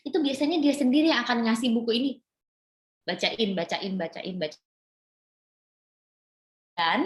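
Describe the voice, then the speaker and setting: Woman doctor explaining on a call, echoey. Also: fairly high pitch. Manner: patient, explanatory, demonstrates animated reading voice. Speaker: pediatrician. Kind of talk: webinar talk advising parents. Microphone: video call. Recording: echoey room.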